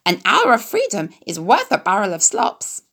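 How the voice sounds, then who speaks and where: A woman reading aloud and voicing a bossy, excitable female farm goose who shouts orders and repeats herself. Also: moderate pace, full character voice. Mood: bossy urgent. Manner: shrill, insistent, repeats herself.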